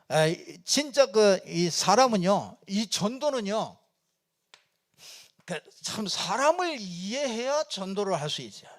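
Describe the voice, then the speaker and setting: A man preaching a conversational sermon from a church pulpit, animated and chatty, with frequent fillers and chuckles. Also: high voice. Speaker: pastor.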